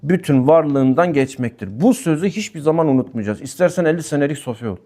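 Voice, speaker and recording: A man, a Sufi sheikh, giving a weekly religious talk that mixes personal stories with explanations of passages he reads aloud. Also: quick pace. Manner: lively storytelling, pitch rising and falling sharply. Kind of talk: religious talk with personal anecdotes and text commentary.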